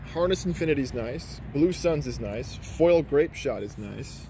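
A man casually commenting on opened cards, enthusiastic and quick with asides. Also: medium pitch, a little hiss or hum. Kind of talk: casual card-opening chat.

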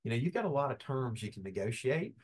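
A man leads a business workshop, talking in a folksy, animated way. He is middle-aged and keeps his pitch in a middle register. He slips into quick bits of acted-out dialogue. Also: slightly rough. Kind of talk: lively workshop lecture.

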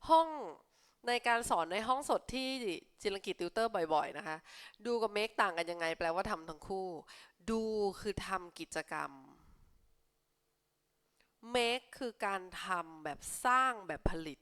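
A young woman tutoring children for an English exam, reading English lines slowly and explaining them in a friendly, teacherly way. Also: mid-range voice, lively intonation, fairly bright tone, smooth. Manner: friendly teacherly tone, ends with polite particles. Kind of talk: exam answer walkthrough for young pupils.

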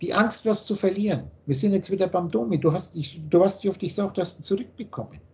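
A spiritual teacher on a video call talks fast in a high-sitting voice. He's blunt and preachy, packing his speech with rhetorical questions.

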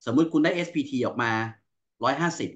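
A man's voice: fairly high pitch, fast, a bit bright, muffled recording. A man working as an engineering expert, answering questions in a technical Q&A with lots of fillers and restarts. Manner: explains at length, with many fillers and restarts. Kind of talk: technical Q&A explanation.

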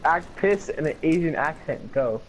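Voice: mid-range voice, expressive, normal speed, faint music behind. A player teasing and egging on friends in a game's voice chat. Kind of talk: casual gaming banter. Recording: noisy game-chat audio.

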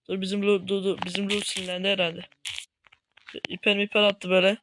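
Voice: medium pitch, fairly bright tone, slight background noise. Frustrated gaming commentator, grumbling at teammates. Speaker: gaming channel host. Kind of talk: gameplay commentary. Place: at home.

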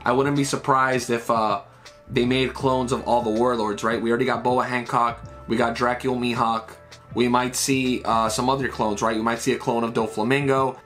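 A man in his thirties reviews a manga chapter loosely and casually from a small room at home, filling his talk with fillers and "right?" tags over a webcam setup. His mid-range voice is fairly bright but flat, at a moderate pace, with faint music behind.

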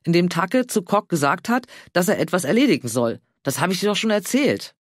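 A man voicing a fussy, anxious older man who pleads and frets in a high voice. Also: big pitch swings, brisk, no echo, clean studio sound. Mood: eager.

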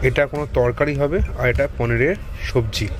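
A man's voice: medium pitch, fairly even intonation, fairly quick, music in the background, crowd noise. A man from Kolkata with a Bengali accent, chatting casually to viewers in a travel vlog aboard a train. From Kolkata, India. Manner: chatty, addresses viewers directly. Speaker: travel vlogger.

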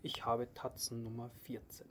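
A man's voice: mid-range voice, monotone, moderate pace, a bit bright, a little hiss or hum, close to an everyday voice. Hieronymus, a vain collared bear, as a man reads him. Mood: fussy. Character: vain, sleepy, fussy younger male collared bear.

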